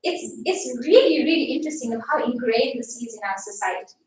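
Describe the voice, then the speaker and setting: A woman's voice: on the high side, expressive, brisk, darkish tone. A South African woman speaking earnestly and emphatically as a panelist in a live discussion. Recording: echoey hall, far from mic, faint noise.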